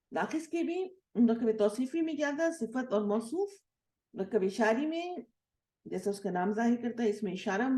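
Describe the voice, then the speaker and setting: A woman's voice: medium pitch, warm tone, reverberant. A woman teaching an Arabic grammar lesson in Urdu, explaining step by step and asking and answering her own questions, with English words mixed in. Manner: recites opening prayers. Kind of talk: classroom lesson.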